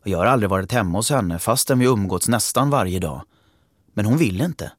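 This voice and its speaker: A man narrating a first-person story, calm and reflective. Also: on the low side, no echo, studio quality.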